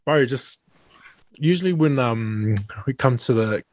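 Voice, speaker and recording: A man's voice: medium pitch, lively intonation, a little slow, no echo. A man with a broad New Zealand accent hosting a casual chat in slangy, sweary, matey language. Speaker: podcast host.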